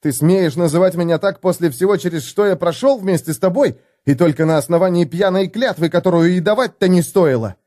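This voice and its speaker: A man voicing an indignant, fed-up young human adventurer who shouts in a raised, strained voice in an audiobook. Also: high voice, fairly quick, hardly any pauses, voice pushed up, natural voice.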